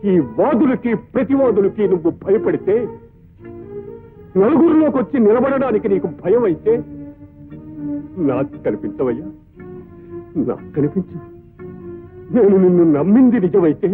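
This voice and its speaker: A man's voice: sits high, lively intonation, normal speed, pauses often. An actor playing a devoted male servant who pleads passionately with his god after being wronged. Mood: anguished plea. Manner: impassioned, rising, pleading speech to his god. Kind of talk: Telugu film dialogue. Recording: tinny lo-fi film audio with music.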